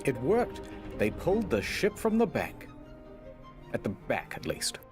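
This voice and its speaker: A man's voice: medium pitch, huge pitch swings, a little slow, over music. A man giving scripted comedic narration for a documentary video, telling the story in a dry, mock-dramatic way.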